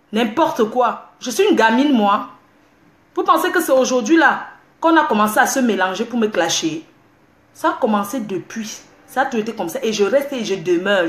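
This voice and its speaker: Woman with ranting on a phone livestream, defiant, echoey room. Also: a little high. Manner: indignant, defiant, repeats herself. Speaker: social media livestreamer. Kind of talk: heated livestream rant. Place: at home, indoors.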